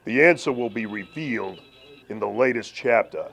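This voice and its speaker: Man doing a menacing dark lord, gravelly, low voice, slow threatening lines, arrogant. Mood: cold arrogance. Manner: slow, threatening, condescending pronouncements. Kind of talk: local cable talk-show skit.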